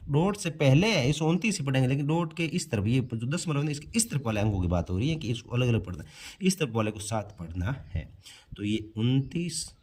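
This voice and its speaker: An animated male math teacher talks a little fast in a medium-pitched, slightly mellow voice. He explains a primary-school math lesson at the board step by step, classroom-style, asking questions and answering them on his own.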